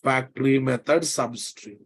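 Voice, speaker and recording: A man's voice: mid-range voice, fairly even intonation, measured pace, breathy edge. A man with a Telugu Indian accent teaching a live technical class, emphatically repeating phrases and often checking that students follow. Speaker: programming instructor.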